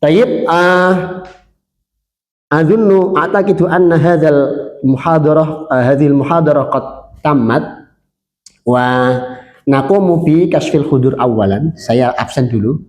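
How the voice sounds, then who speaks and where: Male lecturer, somewhat raised pitch, questions the class as he teaches; roomy classroom sound. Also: measured pace, long pauses, a little mellow. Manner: mixes Arabic phrases into Indonesian, asks the class questions.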